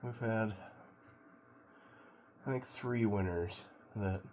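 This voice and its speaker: Middle-aged American man, low voice, unhurried and halting casual vlogger, water noise clearly audible behind him. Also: darkish tone. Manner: laid-back, musing, halting. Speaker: vlogger doing a cold plunge challenge. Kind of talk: casual rambling vlog monologue.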